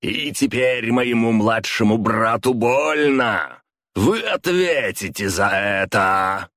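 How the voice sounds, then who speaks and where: Male narrator doing a tired, contemptuous villain, slow and mocking, dry audiobook sound. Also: fairly low pitch, lively intonation, a bit bright, no echo, pitched above the performer's own voice. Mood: gloating. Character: cruel weary male villain possessing a body. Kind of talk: audiobook character voice.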